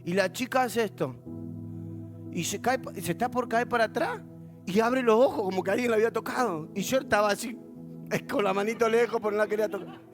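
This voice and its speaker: With music playing behind him, a pastor with a Rioplatense Spanish accent preaches a sermon in a high, fairly quick voice. He tells stories with humor, animatedly acting out the voices of other people.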